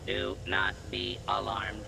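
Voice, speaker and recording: A stern security robot gives clipped commands in a low, gravelly, droning monotone. The robotic filter keeps it cold and measured as it talks slowly. Game gunfire rumbles loudly behind. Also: male voice, heavily acted. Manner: flat, clipped announcements of law and order. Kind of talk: video game voice acting. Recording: game audio with gunfire noise.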